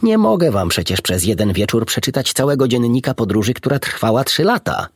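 A man voicing a kindly, jovial animal doctor in a storybook reading, warm and laughing. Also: medium pitch, very animated, fairly quick, breathy edge, no echo, clean studio sound, pitched above the performer's own voice.

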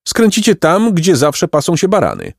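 A man doing a hearty, high-pitched peasant. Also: wildly swooping pitch, moderate pace, gravelly, no room sound, studio quality, heavily acted. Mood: cheerful. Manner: hearty, laughing, simple-hearted. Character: cheerful good-natured peasant man.

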